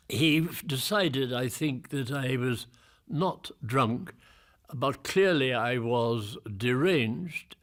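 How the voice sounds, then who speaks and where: An older man from Jersey remembers events in an interview. He talks slowly and deliberately, with a dry, wry edge. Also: medium pitch, a bit bright. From Jersey, Channel Islands. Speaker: eyewitness interviewee. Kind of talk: recollection in an interview.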